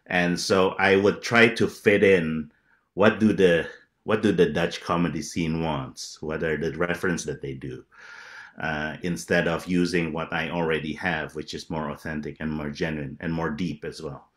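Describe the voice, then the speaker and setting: A man's voice: low-pitched, fairly bright tone. A man in his thirties from Indonesia, an improviser, speaking reflectively with hesitant restarts on a video call. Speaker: panelist, improviser. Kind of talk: casual video call chat.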